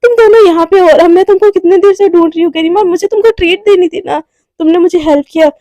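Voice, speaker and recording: A woman's voice: extremely high pitch, fast talker, warm tone, no room sound, lo-fi sound. A woman voicing a chatty young female classmate who insists on getting her way. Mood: insistent.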